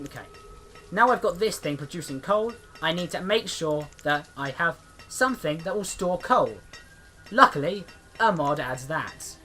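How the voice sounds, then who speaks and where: A man's voice: on the high side, sharp tone. A man giving casual let's-play commentary, chatty and rambling, often restarting his sentences. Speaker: gameplay commentator.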